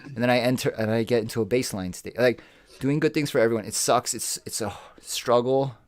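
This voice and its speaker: A man co-hosting a podcast in casual chat, rambling and swearing freely as he thinks out loud. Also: mid-range voice, fairly quick. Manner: rambling, profane, animated. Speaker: podcast co-host.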